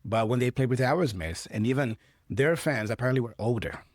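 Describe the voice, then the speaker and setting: The speaker is an English teacher, a man with a Brazilian Portuguese accent who speaks Portuguese natively, patiently clarifying English phrases from a clip for learners and frequently checking in. He talks briskly in a medium pitch. There's no room sound, just clean studio audio.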